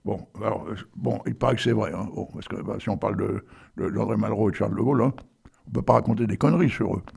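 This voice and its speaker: A man's voice: lowish voice, fast talker, gravelly, a little mellow, slightly rough. An older man hosting a local radio show, chatting casually and rambling through asides between poems. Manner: chatty, digressive, frequent asides and fillers. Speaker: radio host reading poems. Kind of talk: casual rambling radio chat and poetry reading.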